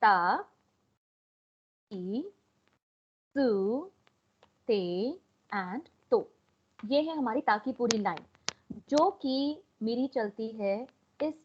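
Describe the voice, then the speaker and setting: A woman's voice: on the high side, expressive, drawn-out words, long pauses, husky. A young woman with an Indian accent teaching an online language class, mixing Hindi and English and coaxing students to answer. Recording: dull lo-fi online call audio.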